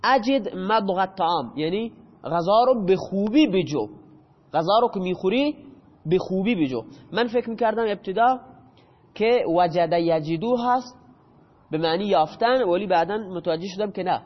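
In a muffled, dull recording with a long hall echo, a man with a high voice and lively intonation walks his class through grammar rules one step at a time, pausing to question his students.

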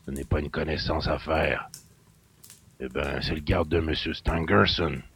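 A gruff country innkeeper in an audio drama, grumbling with resentment in rustic speech. His voice sits very low and gravelly, with a husky, rough edge. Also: fairly even intonation, a little slow, fairly bright tone, heavily acted. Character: gruff suspicious middle-aged male country innkeeper.

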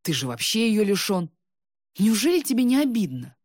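A woman voicing a bitter, jealous young man who shouts resentfully, his voice breaking with tears. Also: medium pitch, very animated, moderate pace, no echo, clean studio sound, voice pushed up. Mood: bitter, shouting.

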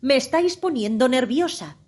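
A woman reading aloud puts on a tyrant queen from a storybook who shouts every order in a raised, loud, booming voice. Each command comes out furious and barked, with the pitch pushed up above a plain reading voice. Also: lively intonation, normal speed, breathy edge. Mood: furious shouting.

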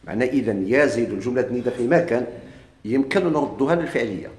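A man with a Moroccan accent lectures quickly on grammar, answering his own questions and drawing out each example. His voice rings in an echoey room. He sits at a middling pitch. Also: a little mellow. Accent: Moroccan Arabic. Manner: asks questions and answers them himself. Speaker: teacher of Arabic grammar. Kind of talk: classroom lecture.

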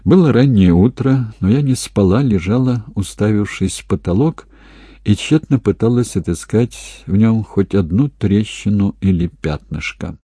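A man reading a novel aloud as narrator, calm and measured. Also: lowish voice, breathy edge, no echo, clean studio sound. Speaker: audiobook narrator. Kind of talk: scripted narration.

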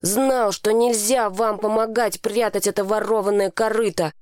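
A woman's voice: medium pitch, fairly even intonation, normal speed, darkish tone, no echo, clean studio sound, natural voice. A woman voicing an angry, frightened boy who hisses accusations. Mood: furious. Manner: hissing, accusing. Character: angry scared boy, fierce and resentful.

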